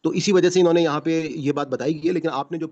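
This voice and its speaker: A man's voice: a little high, steady tone, darkish tone. A man teaching a Quran class over a video call, explaining patiently. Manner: patient explaining, frequent "basically" and "yani ke". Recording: muffled video call audio.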